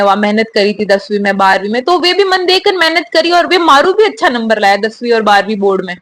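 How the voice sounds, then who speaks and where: A young woman, a new army officer, giving steady, earnest answers in an interview. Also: on the high side. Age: young adult.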